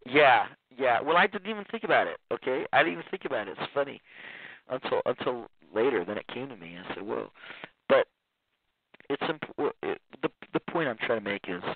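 A man's voice: medium pitch, big pitch swings, fairly quick, a little hiss or hum. A man guest talking in a rambling way with many restarts and frequent laughs. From Iran. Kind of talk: casual interview talk. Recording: tinny phone line.

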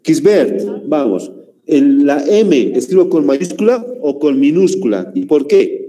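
A man with a Bolivian Spanish accent leads a grammar lesson at an unhurried pace, his dark voice rising and falling a lot. He keeps asking his students little questions as he explains each point. Long reverb hangs behind him. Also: fairly high pitch, sing-song. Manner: slow explaining teacher, asks rhetorical questions ending in ¿no?. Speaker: teacher. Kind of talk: online class lesson.

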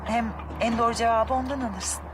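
An actress playing a gentle, reserved young wife who speaks softly and hesitantly in a TV drama. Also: female voice, fairly high pitch, fairly even intonation, normal speed, far from the mic, background noise, close to an everyday voice. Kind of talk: TV drama acting. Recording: voice set back from the mic.

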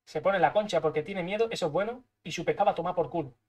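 A young man from Spain with a Spanish accent, giving live gameplay commentary, excitable and swearing, muttering to himself as he plays. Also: high voice, racing. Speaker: streamer.

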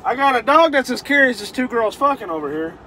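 High, animated trucker swearing. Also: male voice, fast talker, slight background noise. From Kentucky. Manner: loud, swearing, joking, easily rattled. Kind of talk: profane running commentary.

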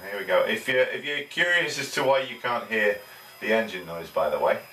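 Middle-aged man, low voice, rambling home review, echoey room, camera mic a few feet off. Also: lively intonation, brisk, pushed and bright. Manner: rambling, hesitant, many fillers. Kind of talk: casual product review. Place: small home room with desk and computer. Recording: roomy, distant camera audio, faint hiss.

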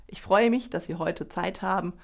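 A woman's voice: medium pitch, moderate pace, gravelly. A young woman introducing a scripted university video, recorded in a studio. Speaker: university staff, presenter.

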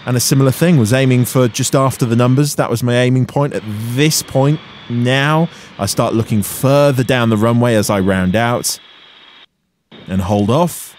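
An Englishman in his thirties, a pilot, vlogs matter-of-factly about flying, mixing narration with cockpit talk. His medium-pitched voice moves at a normal speed. A faint engine drone sits behind, with a little hiss or hum.

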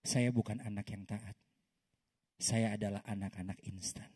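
A man's voice: lowish voice, moderate pace, slightly rough. A man, a pastor in his thirties, preaching a sermon and telling a personal story while often calling out to the congregation. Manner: lively storytelling that often calls the congregation "saudara". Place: church service.

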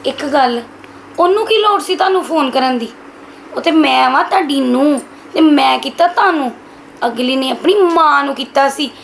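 A woman's voice: high voice, normal speed, vocal fry, slight background noise, rough recording. A woman playing a defiant young daughter-in-law. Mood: angry. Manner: argumentative, snapping back. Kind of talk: amateur family drama skit.

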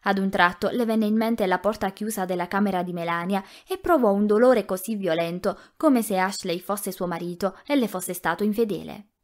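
A woman reading a novel aloud as an audiobook narrator, in a measured, expressive way. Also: medium pitch. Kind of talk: scripted narration.

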